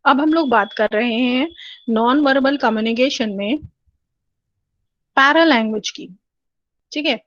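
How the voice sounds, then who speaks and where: Woman lecturer, slightly high voice, dry and dull lo-fi recording. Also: a little slow, long pauses, no echo. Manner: explanatory, frequent 'theek hai' check-ins. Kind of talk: recorded lecture over slides.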